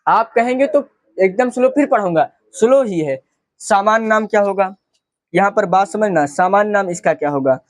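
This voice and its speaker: A man's voice: sits high, lively intonation, moderate pace, no echo. A man teaching a chemistry lesson, asking questions and answering them himself, repeating key terms. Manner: repetitive, asks and answers his own questions. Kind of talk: classroom lecture.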